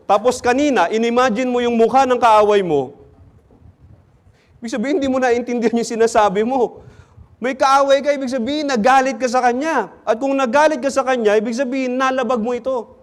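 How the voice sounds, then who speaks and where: Lively high-voiced pastor. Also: male voice, brisk. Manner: questions the congregation, teasing and jokey. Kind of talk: interactive sermon. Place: church.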